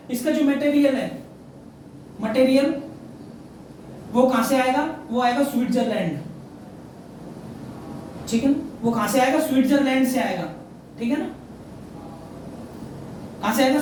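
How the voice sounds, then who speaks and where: In a very high, slightly mellow voice, a man runs an exam prep session on current affairs, quizzing himself, answering his own questions, going over each fact again and saying "theek hai na" often. Faint noise, a distant mic and a very echoey room mark the recording.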